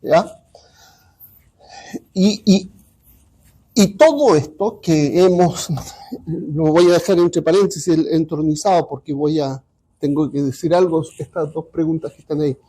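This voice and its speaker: Slow, halting male Bible teacher. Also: a little high, warm tone, slightly rough. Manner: halting, repeats ¿ya? to check understanding.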